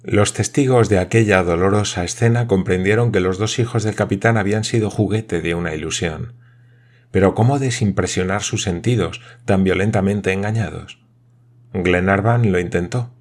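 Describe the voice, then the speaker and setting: A man narrating an audiobook in a steady, dramatic reading. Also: low-pitched, normal speed.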